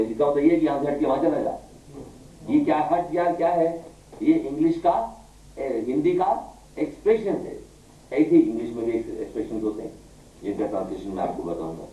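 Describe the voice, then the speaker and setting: A man's voice: mid-range voice, mellow. A male English teacher lecturing a class, firing questions at his students and scolding them. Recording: echoey room, far from mic.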